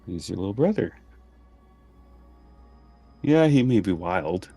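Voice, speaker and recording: A man's voice: deep voice, big pitch swings, slow, warm tone, breathy edge, faint music behind, heavily acted. A man playing a stern, parental dragon rider who scolds a youngster in firm, clipped commands in a tabletop game.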